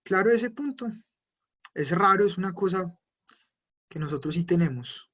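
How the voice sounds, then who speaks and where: Man, language teacher, live online class, patient explanations, high voice, dull lo-fi sound. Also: lively intonation, normal speed, sharp tone. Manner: patient explaining, answers viewer questions. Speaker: German teacher.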